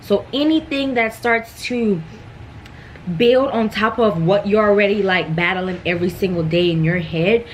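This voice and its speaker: A young American woman with a slightly low voice talks in a casual, candid vlog style. She rambles and repeats phrases as she goes, over clear background noise in the room. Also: rough recording. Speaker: mukbang vlogger. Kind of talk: casual personal chat.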